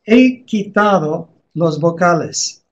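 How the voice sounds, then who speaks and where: A man explaining how to teach reading, in a measured way with deliberate pauses. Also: high voice, lively intonation.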